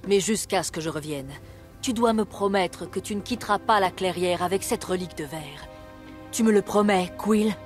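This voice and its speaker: A woman's voice: medium pitch, normal speed, close to an everyday voice. A woman voicing a stern, protective elderly male mouse uncle in a storybook game, speaking curtly and scoldingly over game music.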